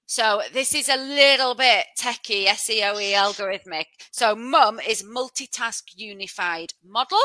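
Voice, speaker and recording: A woman's voice: fairly high pitch, a little slow, few pauses, bright, forceful tone, no room sound. A woman hosting a podcast in a conversational way, explaining things plainly and with emphasis. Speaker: podcast host.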